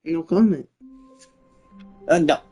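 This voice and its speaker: A man's voice: fairly high pitch, slow, over music. A man who is sick with flu, giving terse, offhand livestream commentary on a game. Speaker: game streamer.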